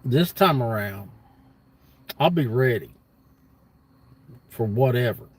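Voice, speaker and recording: Slow, expressive, and slightly rough at a medium pitch, this livestream host in his fifties talks casually to his viewers in a rambling monologue. He comes across as blunt and folksy, repeating points to drive them home.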